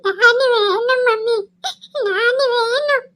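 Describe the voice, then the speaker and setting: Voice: extremely high pitch, fairly even intonation, moderate pace, fairly bright tone. A voice actor playing a small, clingy boy in a cartoon who begs and whines for his daddy. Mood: crying. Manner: whiny, begging. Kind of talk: cartoon voice acting.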